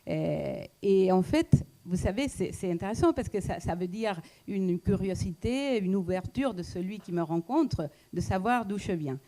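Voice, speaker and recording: A woman with a foreign accent giving a reflective public talk, pausing often with fillers and restarts. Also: mid-range voice, lively intonation, dark tone. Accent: foreign accent in French. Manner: hesitant, many fillers and restarts. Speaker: speaker at a talk, economist.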